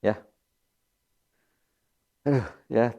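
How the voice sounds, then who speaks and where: A man's voice: mid-range voice, very slow, gravelly, highs cut off. A man with a Sundanese accent teaching Arabic grammar at a mosque study circle, explaining patiently and addressing his listeners politely. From Indonesia. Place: mosque hall. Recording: long reverb in a mosque hall.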